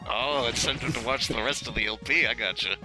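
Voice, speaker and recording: A man's voice: medium pitch, brisk, poor audio. A man making casual, joking remarks as co-host of a let's play. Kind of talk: casual, joking game commentary. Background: video game music.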